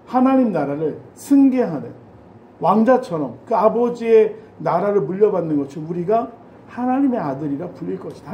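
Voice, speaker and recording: A man's voice: sits high, mellow, slight background noise. A man in his forties preaching a Sunday sermon in a church, with a chatty, anecdotal style and touches of humor. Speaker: pastor. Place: church sanctuary. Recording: roomy church hall echo.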